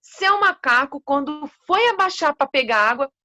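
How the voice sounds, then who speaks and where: A woman with a Brazilian Portuguese accent telling a children's story, animated and expressive, with gasps. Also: high-pitched, normal speed, background noise.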